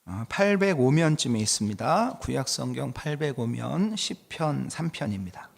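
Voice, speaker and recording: A man's voice: mid-range voice, big pitch swings, moderate pace, vocal fry, in a large hall. A middle-aged male pastor teaching a Bible study class. He reads scripture aloud and asks the congregation questions. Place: church hall.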